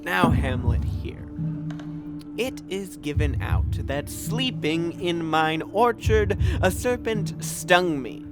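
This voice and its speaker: A man playing the solemn, tormented ghost of a murdered king in a Shakespearean audio drama, speaking gravely and declaiming with drawn-out words. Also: a little high. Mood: bitter, disgusted. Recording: music under the voice. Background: music.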